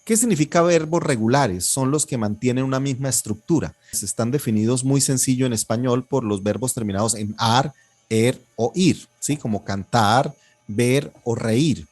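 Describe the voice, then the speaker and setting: A man leads an online Koine Greek lesson, his voice sitting at an ordinary pitch. He talks patiently and methodically, repeating words so students can follow and echo them. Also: moderate pace, a little mellow. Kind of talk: online class, drilling pronunciation and explaining grammar.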